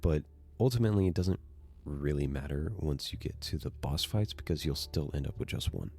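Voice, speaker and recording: A man narrating a casual video essay, excitable and swearing freely as he gushes. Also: a bass voice, brisk, creaky. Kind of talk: casual enthusiastic commentary.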